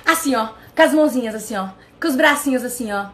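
Brazilian-accented woman, high pitch, animated vlog host telling a personal story to camera. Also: quick pace. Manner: animated, addresses viewers directly. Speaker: channel host.

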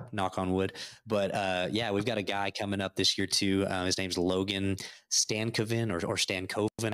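A man's voice: deep voice, a bit bright, smooth. A man from Texas, a podcast guest, talking sports casually and rambling with many fillers and restarts.

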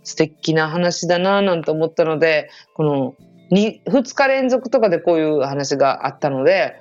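A woman hosts her podcast and tells a story in a casual, talkative way. Her voice sits low and is recorded close and dry. The sound is a little dull, with faint music behind her. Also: normal speed, no echo. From Okinawa. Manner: chatty, animated when quoting others. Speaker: podcast host.

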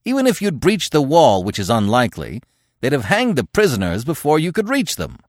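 A man's voice: on the low side, wildly swooping pitch, measured pace, fairly bright tone, no room sound, clean studio sound, full character voice. A man voicing a bold, blunt barbarian leader in an adventure storybook, bellowing with exasperation. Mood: exasperated. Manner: roaring, bellowing, commanding.

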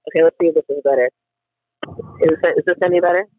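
A woman's voice: low-pitched, steady tone, fast talker, no room sound. Woman on a remote call that keeps breaking up. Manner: earnest, grateful, chatty with fillers. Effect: call connection breaking up, cutting in and out. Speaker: guest, ice cream shop owner. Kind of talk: casual interview chat. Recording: tinny phone-like line, dry.

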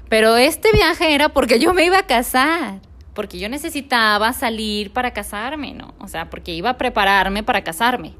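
A woman with a Mexican accent speaks in a relaxed, conversational way. She tells a personal story to an interviewer and replays each line of dialogue she remembers in her own voice. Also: a little high, moderate pace.

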